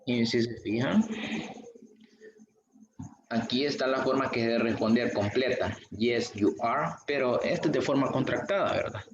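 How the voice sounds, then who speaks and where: A man teaching an online English class, patient and slow, going over each example again. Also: medium pitch, slight background noise. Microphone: video call. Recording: dull, echoey room audio.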